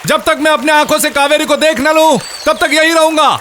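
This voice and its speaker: A man's voice: very high-pitched, level tone, a little fast, bright, forceful tone, a little hiss or hum. A man voicing a guilt-ridden young man who stubbornly refuses help in a dubbed film. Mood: despairing. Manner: stubborn, despairing.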